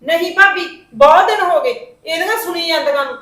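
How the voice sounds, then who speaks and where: A woman's voice: extremely high pitch, fairly quick, fairly bright tone. A woman playing a combative aunt in an echoey room. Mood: defiant. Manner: argumentative, talking back. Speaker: paternal aunt living in her brother's house.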